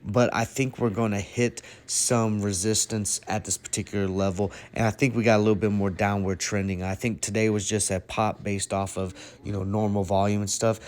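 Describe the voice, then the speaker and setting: Lowish guy chatting through stock charts, keeps going "okay? right?", easygoing trader talk. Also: flat delivery, normal speed, hardly any pauses. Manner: conversational, emphatic, lots of "okay?" and "right?". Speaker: trading educator. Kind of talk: casual market commentary over charts.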